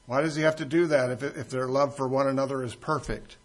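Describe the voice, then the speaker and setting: In a church, a man who is a pastor gives an expository sermon full of anecdotes, chatting and joking with the congregation as he tells his stories. His mid-range voice holds a steady tone and runs a little fast.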